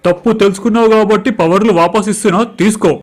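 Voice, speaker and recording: A man's voice: sits high, steady tone, very fast, background noise. A man, swearing through brash banter in a comic skit. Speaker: comedy skit performer. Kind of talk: crude comic skit dialogue.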